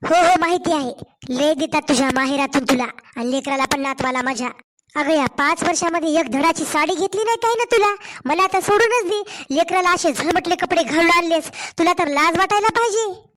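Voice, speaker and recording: A woman voicing a sharp-tongued elderly mother-in-law in a cartoon story, taunting and scolding in a Marathwada Marathi accent. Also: extremely high pitch, fairly quick.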